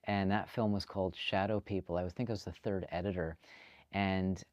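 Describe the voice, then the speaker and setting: A filmmaker from Canada talks through his story in a casual interview. His voice sits low and sounds smooth and resonant. The recording is dry and close. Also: normal speed, dry recording, highs cut off. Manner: relaxed storytelling, chatty with fillers. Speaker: guest filmmaker.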